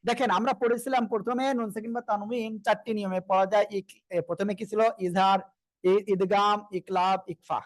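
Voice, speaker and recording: Quran teacher, man, Bangladeshi Bengali accent, higher voice, patient, drills letters with students. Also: fairly even intonation, dry recording. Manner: patient, repeats letters slowly and asks students to repeat. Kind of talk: live online Quran reading class.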